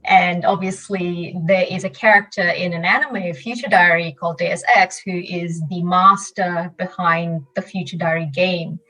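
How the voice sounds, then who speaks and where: A woman's voice: fairly low pitch, normal speed, hardly any pauses, recorded from a distance, rough recording. Woman telling stories, a little off-mic. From Malaysia. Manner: lively storyteller, laughs often. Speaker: podcast guest. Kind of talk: casual storytelling interview.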